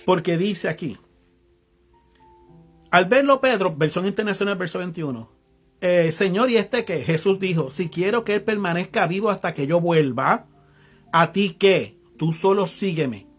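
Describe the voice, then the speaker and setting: An evangelist preacher with a Puerto Rican accent delivers a sermon, reading Bible verses aloud and then explaining them in casual local slang while greeting online viewers. His voice sits high and slightly rough, animated yet unhurried, with faint music in the background.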